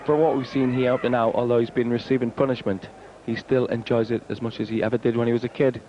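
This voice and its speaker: A man's voice: medium pitch, little pitch movement, quick pace. Male darts commentator on dull archive TV. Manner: colourful, wry turns of phrase. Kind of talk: live sports commentary. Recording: dull, noisy archive TV broadcast.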